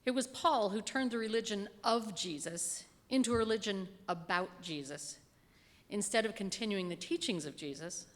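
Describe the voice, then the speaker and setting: Standing at a lectern in a church hall, a middle-aged lay reader delivers a minister's scripted sermon through a gooseneck mic. She speaks in a mid-range voice at a moderate pace, and the hall has a long, echoing reverb.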